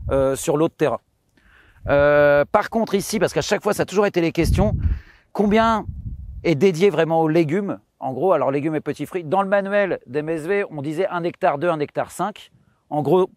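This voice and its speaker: A man in his late thirties walks visitors through his farm, speaking casually with frequent pauses and fillers. His voice sits a bit high for a man. The sound is dry and close, with no room echo. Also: darkish tone. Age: 30s. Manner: hesitant, many fillers and restarts. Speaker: farmer giving a farm tour. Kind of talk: casual spoken explanation. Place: outdoors on a farm.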